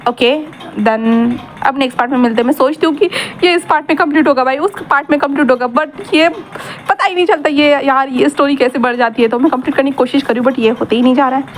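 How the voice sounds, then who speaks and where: Woman storyteller, chatty, self-correcting narration, brisk and high, faint noise behind.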